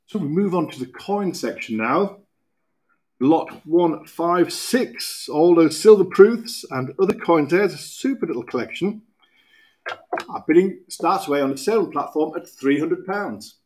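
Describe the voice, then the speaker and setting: Auctioneer, British man, thirties, brisk repetitive bid calling from a lectern, voice sitting a touch high. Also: animated, a little mellow. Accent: British English. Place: auction room podium, indoors.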